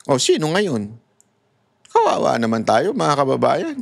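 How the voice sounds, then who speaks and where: A man's voice: fairly high pitch, huge pitch swings, measured pace, vocal fry. A man hosting casual political commentary, laughing often and mocking as he talks. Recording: loud background noise.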